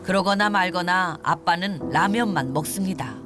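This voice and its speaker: A woman narrating a human documentary in a gentle, scripted storytelling delivery. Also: on the low side, moderate pace, music in the background.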